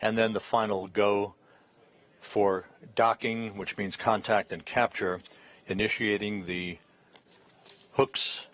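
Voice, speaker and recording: An American man giving live mission control commentary in a measured, formal announcing manner with pauses. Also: on the low side, a bit bright, muffled recording.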